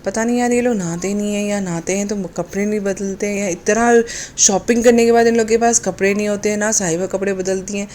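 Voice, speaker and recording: A woman delivers a sarcastic, mocking vlog commentary in a mellow, warm voice, dropping English phrases into her talk. Faint noise sits underneath. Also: mid-range voice, steady tone, fast. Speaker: commentary vlogger.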